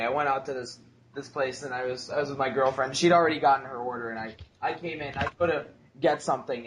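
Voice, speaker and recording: A man's voice: a little high, background noise. A sixteen-year-old boy telling rambling, boastful stories in a casual podcast chat. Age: teens. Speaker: podcast co-host.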